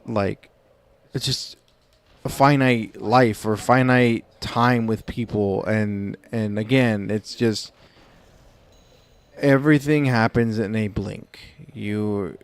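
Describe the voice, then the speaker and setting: A man's voice: lowish voice, fairly even intonation, slow, smooth. A man hosting a livestream, giving rambling, exasperated, swear-heavy reactions to another streamer. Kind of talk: casual reaction chat.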